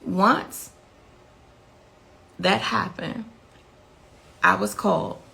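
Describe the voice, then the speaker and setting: A woman's voice: medium pitch, very slow, creaky, bright, forceful tone. A middle-aged woman speaking as the mother of the victim, giving intense interview testimony and repeating key phrases for emphasis.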